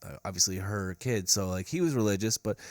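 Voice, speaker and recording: A man's voice: lowish voice, lively intonation, fairly quick, dry recording, clean studio sound. A young man from Michigan telling a long story on a casual podcast, full of fillers and restarts. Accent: Upper Midwest American. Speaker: podcast co-host. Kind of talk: casual chat.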